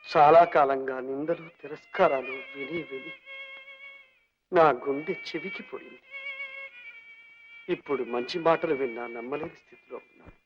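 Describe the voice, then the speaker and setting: A man's voice: on the high side, sing-song, normal speed, long pauses. An actor playing a destitute, broken old man who was once rich, speaking in a tearful, pleading, grieving way in an old film scene. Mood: weary broken. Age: older. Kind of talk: 1950s Telugu film acting. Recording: dull old film soundtrack, faint music.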